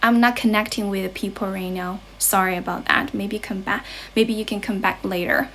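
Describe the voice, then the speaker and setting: A young Chinese woman with a Chinese accent who teaches English, chatting casually on a livestream from her grandmother's house. She keeps rephrasing and translating herself between English and Chinese, and she sounds a little unwell and low on energy. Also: steady tone, moderate pace, fairly bright tone, slight background noise. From China.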